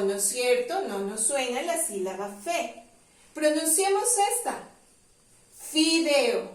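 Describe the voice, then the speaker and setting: Slow, patient woman teaching syllables. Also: a little high, reverberant, distant mic. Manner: slow, patient, drawn-out syllables, asks questions. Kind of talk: early reading lesson for children.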